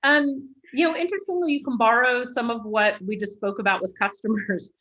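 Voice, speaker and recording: A woman's voice: a little high, a little fast, a bit bright, highs cut off. Articulate businesswoman with "right?" tags. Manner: articulate, often adds a checking "right?". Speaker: guest executive. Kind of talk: interview answers.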